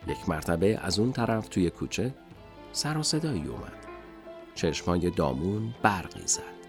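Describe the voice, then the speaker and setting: Lively low-voiced male storyteller. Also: vocal fry. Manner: slow, expressive storytelling. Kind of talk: children's radio storybook narration.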